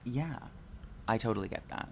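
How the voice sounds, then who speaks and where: A woman's voice: extremely low pitch, animated, normal speed, creaky, a little hiss or hum. A woman co-hosting a podcast in casual chat, playful and theatrical, joking and swearing for laughs. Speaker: podcast co-host.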